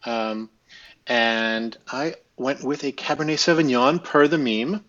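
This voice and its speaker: A man's voice: medium pitch, slow pace, fairly bright tone, muffled recording. A man chatting casually as a guest, rambling on at length. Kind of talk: casual chat.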